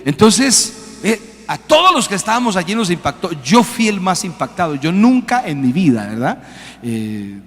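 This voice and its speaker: Male pastor, lively storyteller who acts out voices; higher register, long hall echo. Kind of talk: sermon with storytelling.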